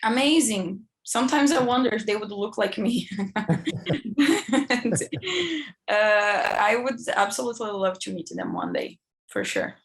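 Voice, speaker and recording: A young woman with a Brazilian accent, an egg donor speaking earnestly on a panel in slightly halting English. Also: mid-range voice, very animated. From southern Brazil. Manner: earnest, slightly halting, non-native phrasing. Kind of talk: personal account on a panel.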